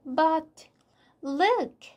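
A woman voicing an eager, cheerful little girl with bright, quick storybook exclamations. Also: sits high, lively intonation, highs cut off, pitched above the performer's own voice, heavily acted.

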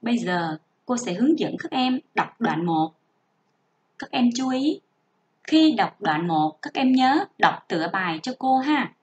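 Teaching a first-grade reading lesson online, a woman reads slowly and sounds out each letter for young children in a careful, drawn-out model voice. Her pitch sits a little high and swings widely. She's recorded at home for the class, and the audio is dull and lo-fi.

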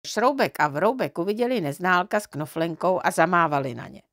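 A woman reading a children's storybook aloud in an expressive, measured way. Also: on the low side, no room sound. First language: Czech. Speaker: audiobook reader.

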